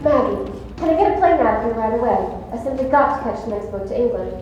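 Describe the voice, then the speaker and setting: A woman's voice: on the high side, lively intonation, fast talker, a little mellow, muffled recording, close to an everyday voice. A woman on a stage playing a glamorous, affected actress with a theatrical, swooning delivery in a live play. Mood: elated. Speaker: stage actor. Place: large auditorium stage. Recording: echoey hall, faint room noise.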